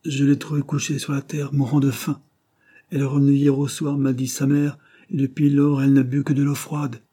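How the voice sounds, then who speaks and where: A man voicing a kindly, selfless aging pastor who speaks earnestly and insists gently. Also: mid-range voice, monotone, brisk, husky, voice pushed up, natural voice.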